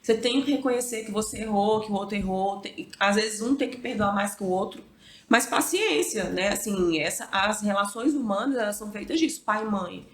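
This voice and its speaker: A woman's voice: mid-range voice, a little fast. A woman in her thirties, a mother, talking reflectively in a casual chat. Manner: reflective, animated when quoting others. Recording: echoey room.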